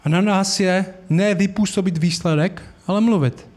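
Male preacher with a high voice, earnest and conversational, posing questions to the congregation. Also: darkish tone. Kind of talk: sermon.

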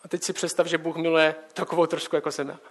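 High-voiced young man preaching casually. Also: little pitch movement. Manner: conversational, direct address with rhetorical questions.

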